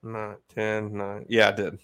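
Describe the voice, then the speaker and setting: A man's voice: on the low side, completely flat delivery, unhurried, a bit bright, clean tone, low-quality recording. A man co-hosting a sports podcast, chatting casually and laughing as he retells favorite TV scenes. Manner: laughs often while retelling funny scenes. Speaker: podcast co-host. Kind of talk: casual chat.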